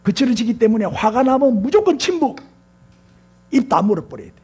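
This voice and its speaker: In a very high-pitched, very animated voice with a darkish, husky tone, this older pastor preaches a little fast. Originally from South Korea's Gyeongsang region and speaking with that accent, he draws the congregation in through rhetorical questions and has them echo phrases back.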